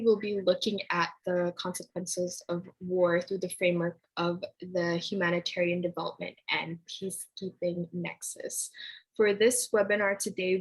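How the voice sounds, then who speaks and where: A woman's voice: fairly low pitch, slightly rough, low-quality recording. A woman moderating an online panel webinar over a video call, friendly and laughing between phrases.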